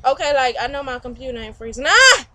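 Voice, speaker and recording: A young woman vlogging a call with a friend, talking loudly in slangy, teasing casual chat and laughing often. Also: high-pitched, steady tone, quick pace. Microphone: computer webcam mic. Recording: noisy home webcam recording.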